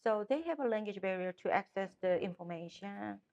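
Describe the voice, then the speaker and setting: A middle-aged woman, a native Korean speaker with a Korean accent, answers interview questions as a political candidate, often restarting and using fillers. Her mid-range voice is animated, slightly fast and a little mellow. The audio sounds dull.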